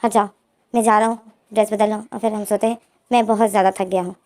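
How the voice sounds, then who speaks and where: A woman's voice: medium pitch, level tone, fast talker, darkish tone, natural voice. A woman voicing a guarded young man who firmly keeps his partner at a distance. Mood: cold, firm. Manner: firm, pushing away.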